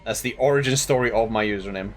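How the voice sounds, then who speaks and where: A man's voice: lowish voice, fast, soft background music. A tired man chatting casually while streaming a game, rambling and laughing at himself. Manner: rambling, laughing, self-deprecating.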